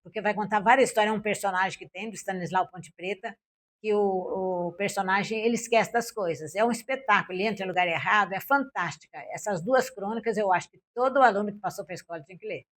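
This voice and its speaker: Fast-talking older Brazilian woman, ex-teacher. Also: mid-range voice. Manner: lively storytelling, acting out her own and pupils' lines. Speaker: former school principal and Portuguese teacher. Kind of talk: interview, recalling classroom experiences.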